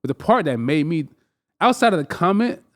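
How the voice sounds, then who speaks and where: Male podcast host, fairly high voice, casual and animated, piles up repeated words. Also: brisk. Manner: animated, repeats words when making a point. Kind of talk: casual chat.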